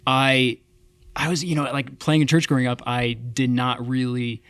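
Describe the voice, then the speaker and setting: A man who plays keys in a worship band speaks in a casual interview, thoughtful and hesitant, with lots of fillers. His mid-range voice is a bit bright but flat in delivery, at normal speed, with no echo.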